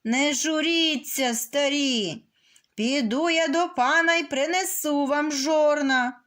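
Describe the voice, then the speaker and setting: A woman voicing a brave, stubborn little rooster in a children's storybook reading, insistent and given to shouting demands. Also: high voice, slow. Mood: determined.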